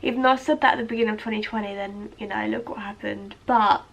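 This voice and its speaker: Gravelly and fast, with fairly even intonation at a medium pitch, this young British-accented woman chats to camera indoors at home. Her nose is blocked from a cold, giving a nasal sound, and she rambles, filler-heavy, while tending to her eyebrows.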